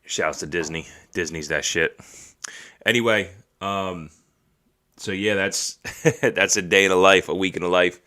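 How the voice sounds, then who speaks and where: A man's voice: sits low, unhurried, pauses often, pushed and bright. A man hosting a podcast on a live stream, chatting casually in a rambling, profane and emotional way. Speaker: podcast host.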